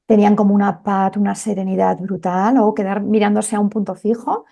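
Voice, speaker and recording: A woman's voice: mid-range voice, steady tone, a little fast, vocal fry, mellow. A woman doctor telling a personal story in an interview, in a conversational way with many fillers.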